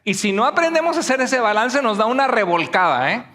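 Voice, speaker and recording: High, bright-voiced preacher man in a reverberant hall. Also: brisk. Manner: animated preaching with jokes and acted quotes. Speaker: pastor. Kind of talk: sermon. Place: church sanctuary.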